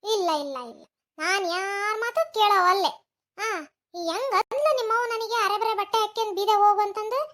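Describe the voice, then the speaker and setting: Woman doing a defiant young village wife, North Karnataka Kannada accent, squeaky high voice, bright, scolding retorts, cartoon comedy. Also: normal speed. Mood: indignant.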